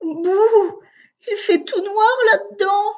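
A woman voicing an impatient little girl in a storybook reading, with a squealing, shrill voice. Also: fairly even intonation, takes it slowly, warm tone, exaggerated voice. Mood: scared. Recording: dull lo-fi recording.

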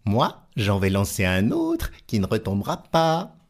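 A man voicing a boastful, cheeky little tailor in a storybook reading, with bragging, excitable exclamations. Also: on the low side, a little slow, heavily acted. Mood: cocky.

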